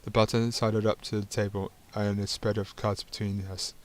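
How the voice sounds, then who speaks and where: A man's voice: fairly low pitch, flat delivery, brisk. A man reading a narrative game's text aloud, stumbling over words and adding dry asides of his own. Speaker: gaming channel host.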